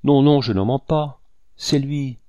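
A man's voice: mid-range voice, a little slow, dark tone, dry recording, pitched above the performer's own voice, lightly acted. A man reading an audiobook, voicing a terrified woman servant who begs in broken, desperate phrases. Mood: panicked begging. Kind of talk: audiobook character voice.

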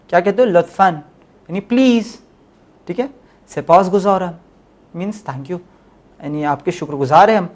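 A man teaching a Farsi class, drilling syllables slowly and explaining in a mix of Urdu and English. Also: high voice, lively intonation, a little mellow. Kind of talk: language lesson.

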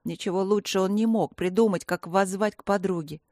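A woman narrating a fantasy story in an expressive storytelling manner. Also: medium pitch, fairly quick, no room sound, studio quality.

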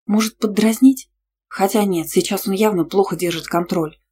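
Woman, audiobook narration, first-person romance, lively, feisty, medium pitch. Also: normal speed, a little hiss or hum.

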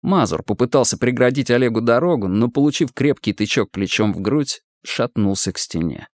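A man reading an audiobook in lively, expressive narration. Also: mid-range voice, brisk. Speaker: audiobook reader. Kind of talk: scripted narration.

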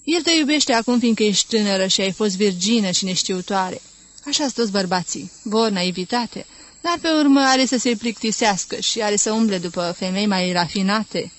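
A worldly young wife speaks bluntly and cynically, asking direct questions without blushing, voiced by a woman reading. The voice is fairly high. It comes across as a character read aloud in an audiobook. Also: lightly acted.

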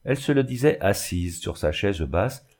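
A man reading a classic novel aloud in a measured, even storytelling manner. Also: on the low side. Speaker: reader. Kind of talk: scripted narration of a classic novel.

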